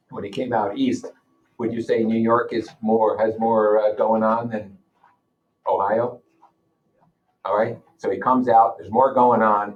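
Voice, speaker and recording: Teaching a class, a man with a lowish, somewhat dark voice reads a novel aloud, then stops to explain it casually and ask his listeners questions. The audio is dull and lo-fi.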